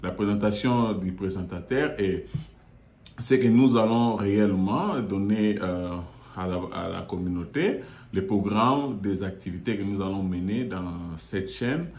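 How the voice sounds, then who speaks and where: A man from Congo hosting his own online show, talking haltingly with many fillers and repeated words from a meeting room in an office. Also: on the low side, lively intonation, darkish tone. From Democratic Republic of the Congo. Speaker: YouTube show host. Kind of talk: hesitant monologue. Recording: echoey room.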